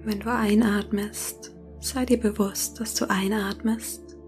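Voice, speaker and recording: A woman guides a meditation in a soft, breathy near-whisper, slowly and calmly with long pauses. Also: mid-range voice, faint music behind. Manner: slow, calming, long pauses between phrases. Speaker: meditation guide and podcast host.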